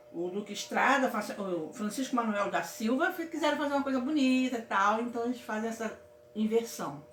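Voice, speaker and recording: A woman from Brazil teaching a casual grammar lesson in a fairly high voice. She keeps checking in with her students in an affectionate way. The room is echoey, with a faint hum of ambience behind her. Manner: affectionate, repeats "certo, meus amores?".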